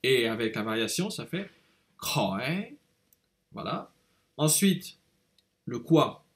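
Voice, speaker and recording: A man's voice: medium pitch, expressive, a little slow, fairly bright tone. A man teaching a language lesson, patiently explaining and repeating words aloud to show each tone.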